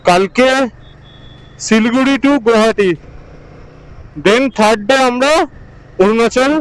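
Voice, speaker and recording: A man narrates his motorcycle travel vlog outdoors on the highway, chatty and casual, giving his pillion brief instructions again and again. This motovlogger speaks slowly and clearly in an extremely high, resonant voice, though the recording quality is low.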